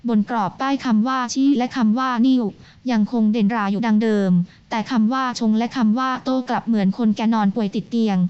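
A woman reading a translated fantasy novel aloud in a measured, even storytelling manner. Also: a little high, clean tone, no echo, muffled recording. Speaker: novel reader.

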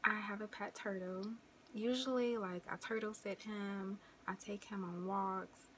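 A woman's voice: mid-range voice, steady tone, measured pace, slight background noise. A woman in her twenties from the American Midwest, chatting casually to camera as a vlogger, rambling and friendly with lots of fillers. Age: 20s. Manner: chatty, rambling, uses y'all and you know.

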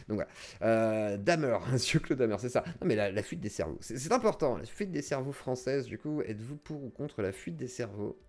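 A man hosting a livestream, talking casually and animatedly, often acting out little scenes. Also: fairly high pitch. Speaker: livestream host. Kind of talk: casual livestream debate talk.

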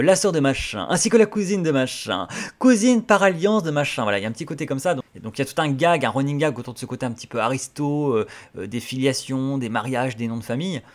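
Man explaining literature, halting. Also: mid-range voice. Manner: halting, full of hesitations. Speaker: literature channel host. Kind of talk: casual explanatory talk.

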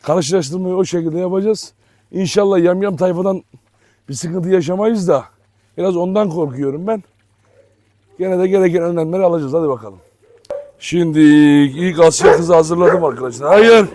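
A man's voice: a little high, normal speed. A man talking casually to his viewers outdoors while giving firm commands to his dogs and calling them pet names. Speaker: dog owner and vlogger. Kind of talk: casual vlog commentary to viewers. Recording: loud barking dogs and outdoor noise. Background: dogs barking.

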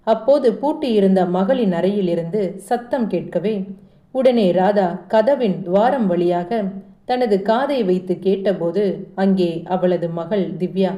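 A woman narrating a family short story in a brisk, plain storytelling manner. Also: medium pitch, dark tone. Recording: echoey room.

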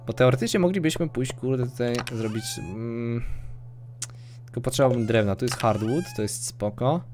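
A man's voice: mid-range voice, moderate pace, noisy background. A young man casually commenting on his gameplay for viewers, chatting and thinking aloud as he plays. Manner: chatty, talks to viewers and girlfriend off-mic, mixes English gaming words. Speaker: streamer.

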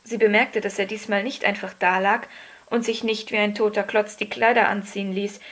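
A woman giving a calm, measured scripted narration of a children's story. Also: mid-range voice. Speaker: audiobook narrator.

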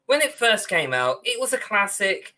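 Speaking at a normal speed, this young adult podcast co-host has a high, very animated voice with a bright, forceful tone. He rants and offers strong opinions in a casual film and game discussion joined from a room over a video call.

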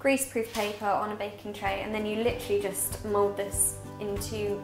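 Talking as she cooks, a chatty, upbeat British woman in her twenties, a cookbook author here as guest cook, explains a recipe step by step in her home kitchen. She has a medium-pitched voice, a level tone and a moderate pace. The recording captures a roomy kitchen with music in the background.

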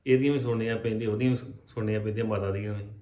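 A man's voice: fairly low pitch, fairly even intonation, racing, dark tone, roomy sound, close to an everyday voice. A man acting a husband caught between his mother and his wife, soothing her and often asking for agreement. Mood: weary. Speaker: husband in a family drama. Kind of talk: scripted domestic drama acting.

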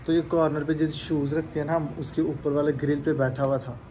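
A man's voice: on the high side, little pitch movement, a little fast, warm tone, a little hiss or hum. A man from Pakistan with a Pakistani Urdu accent, chatting casually in a vlog. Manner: chatty, informal. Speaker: vlogger.

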